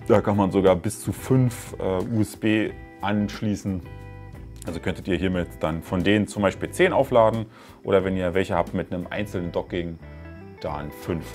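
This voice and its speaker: A man in his thirties with a low, slightly mellow voice reviews gadgets casually from his living room at home. He talks at a moderate pace in a chatty, explanatory way, full of fillers, with soft music playing in the background.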